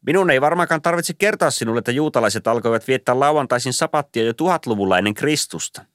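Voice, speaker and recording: Brief: male reader as old Santa, pompous lecturer, never stops talking; raised pitch, dry booth. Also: animated, a bit bright, no room sound, natural voice. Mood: teasing. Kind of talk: audiobook character reading.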